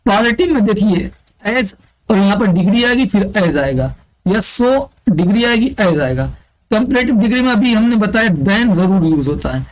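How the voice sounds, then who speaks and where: A man's voice: sits high, poor audio. Male teacher quizzing and answering himself. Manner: asks the class questions and answers them himself, repeating key terms; explains grammar slowly, step by step. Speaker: English teacher. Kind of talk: online exam-prep lesson.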